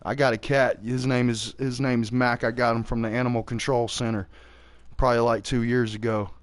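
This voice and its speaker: A laid-back man in his early forties rambles on casually, swearing freely. His voice sits at an ordinary middle pitch, and his talk is loose and unhurried. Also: little pitch movement. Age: 40s. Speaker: streamer. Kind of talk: casual chat while gaming.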